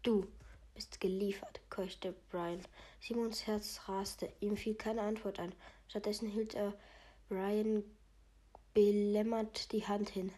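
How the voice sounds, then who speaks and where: A woman narrating a storybook with a steady, even delivery. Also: mid-range voice, slow. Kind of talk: storybook reading.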